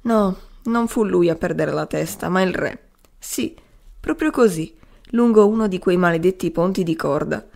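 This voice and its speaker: Woman reading as a shattered old adventurer guy, rambling, begging his listener, lowish voice. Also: expressive, moderate pace, creaky, a little mellow. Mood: pleading. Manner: pleading, repeating "signore". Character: broken old male adventurer, grieving and rambling.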